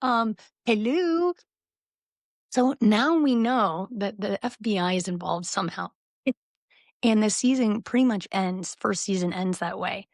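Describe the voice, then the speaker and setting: A woman co-hosting a podcast, telling reality TV stories in an animated, gossipy way. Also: mid-range voice, moderate pace, no room sound, studio quality. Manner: animated storytelling, recounting reality TV scenes. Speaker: podcast co-host. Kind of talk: casual podcast chat.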